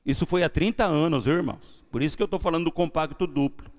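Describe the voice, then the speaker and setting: A Brazilian pastor preaching a sermon, his voice a touch higher than most men's. He tells his own story, dropping to near-whispers and then climbing back loud. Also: fast. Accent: Brazilian Portuguese. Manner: storytelling with lively swings between hushed and loud. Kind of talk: sermon testimony. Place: church.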